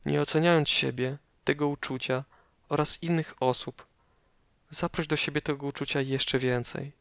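A man narrating a guided meditation slowly and calmly, giving measured instructions with pauses, close up as if right in your ear. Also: fairly high pitch, creaky, clear, resonant tone, no room sound.

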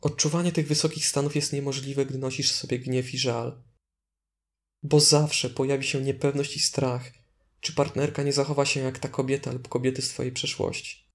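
A man guides a meditation as its instructor, speaking calmly and deliberately in a medium-pitched voice and offering gentle prompts.

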